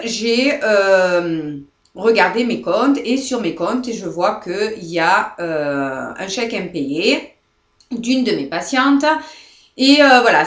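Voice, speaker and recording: A French woman therapist with a medium-pitched voice leads a live guided demonstration on releasing anger, recorded in an echoey room. She speaks softly, hesitantly and repetitively, with many fillers and restarts, frequently checking in with "d'accord?" and sounding close to tears.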